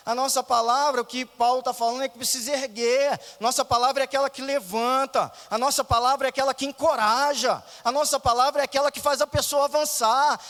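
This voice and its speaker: A man with a very high-pitched voice preaches to his congregation, pressing his points with rhetorical questions. His words ring out with a long echo through the church hall. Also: fairly bright tone. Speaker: pastor. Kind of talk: sermon.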